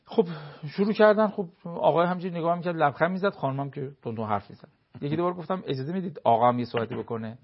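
A man's voice: on the high side, highs cut off. A man giving advice on a talk show, explaining his points with everyday examples and short acted-out dialogues.

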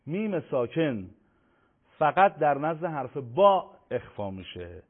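A man teaches the rules of Quran recitation in a measured, patient manner, slowing right down whenever he recites an example word. His voice sits at an ordinary middle pitch. The audio is thin and tinny, as if heard over a phone line. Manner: measured, slows down to spell out examples. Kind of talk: tajweed lesson, explaining and reciting examples.

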